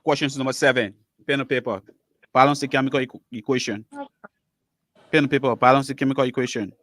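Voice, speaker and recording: A man's voice: mid-range voice, fairly even intonation, fast talker, a bit bright, no echo. Firm, dry-sounding moderator man. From Liberia. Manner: firm, insistent. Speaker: quiz moderator. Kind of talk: announcing scores.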